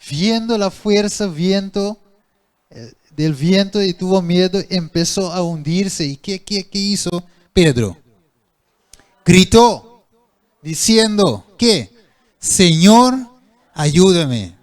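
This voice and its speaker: A male preacher giving a sermon who keeps asking the congregation questions and then answering them himself. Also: high-pitched.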